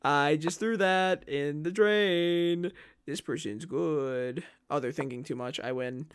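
A man streaming live and rambling excitedly at his chat, swinging from loud hype to low muttering. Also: takes it slowly, clear, resonant tone. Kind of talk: live gameplay commentary to chat.

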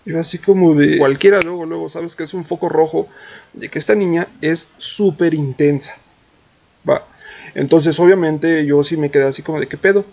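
A young man with a Mexican accent telling a story in a slangy, animated, mocking way. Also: on the high side, normal speed, creaky. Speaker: streamer and vlogger. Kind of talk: casual storytime.

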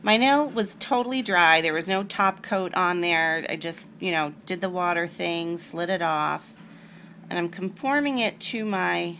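A woman's voice: lowish voice, unhurried, a bit bright, slight background noise. A woman hosting a casual nail art tutorial, talking through each step with chatty, rambling asides.

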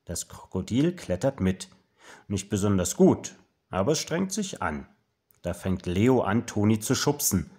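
A man reading a children's storybook aloud with slow, expressive storytelling. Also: lowish voice. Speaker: storybook reader.

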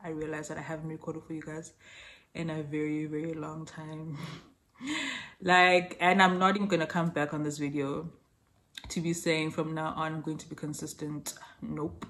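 A woman's voice: deep voice, little pitch movement, moderate pace, fairly bright tone. A young woman chatting to her camera at home, rambling with fillers and small laughs. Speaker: vlogger. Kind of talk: casual chat to camera. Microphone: camera mic.

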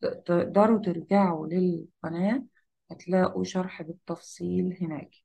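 An Egyptian woman teaching an English pronunciation lesson, her voice gravelly and a little husky. She repeats each word slowly to model the stress and moves back and forth between Arabic and English explanations. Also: on the low side, fairly even intonation, warm tone.

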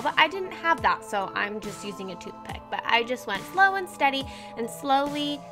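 Indoors in her bedroom, a twenty-something beauty vlogger gives an upbeat nail art tutorial in a sharp, somewhat high voice. She often jokes at her own expense.

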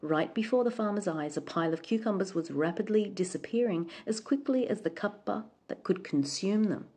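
A woman storyteller reading a folk tale aloud in a calm, measured way. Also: mid-range voice, slightly rough.

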